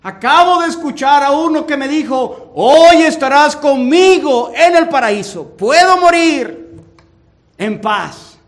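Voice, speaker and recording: A male preacher voicing a dying repentant thief who speaks with loud, high, fervent certainty. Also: expressive, takes it slowly, full character voice.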